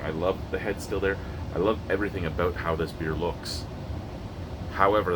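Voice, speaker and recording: With a low-sitting voice, a man from Ontario gives an unscripted, rambling beer review in a Canadian accent, full of opinions and the odd profanity. The indoor room where he records reviews is noisy, with a clear background hum.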